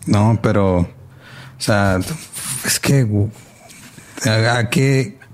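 Slangy joking podcast host. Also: male voice, fairly low pitch, drawn-out words, slight background noise. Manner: joking, slangy, restarts often. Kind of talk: casual podcast chat.

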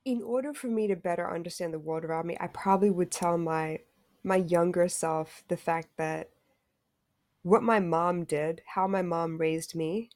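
A woman's voice: on the low side, normal speed, a little mellow, no room sound, studio quality. A middle-aged woman, a podcast guest, speaking frankly and reflectively about raising her stepchildren, with the odd curse word. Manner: frank and reflective, occasional cursing. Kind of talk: candid storytelling about parenting.

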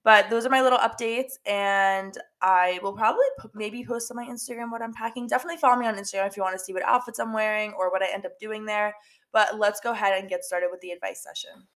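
A woman's voice: medium pitch, fairly even intonation, fast, fairly bright tone. A young woman chats through her solo podcast, her voice a little stuffy and nasal from allergies. She rambles casually, leaning on "like" and repeating herself. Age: young adult. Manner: chatty, filler-heavy with lots of "like" and repeats. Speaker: podcast host.

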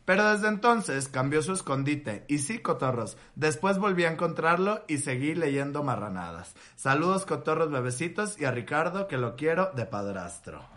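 A man co-hosting a podcast in a bright, forceful voice, set a bit high. He jokes crudely and reads a listener's story aloud in casual chat, close on a studio mic. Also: very animated, normal speed, few pauses. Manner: joking, crude, laughs often. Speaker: podcast co-host.

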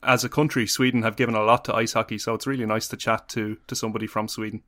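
A man's voice: lowish voice, little pitch movement, quick pace, bright, forceful tone, dry recording, clean studio sound. An Irish man hosting a podcast, chatting casually with many ums and restarts, then running through player stats. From Ireland. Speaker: podcast host. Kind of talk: casual chat and stats rundown.

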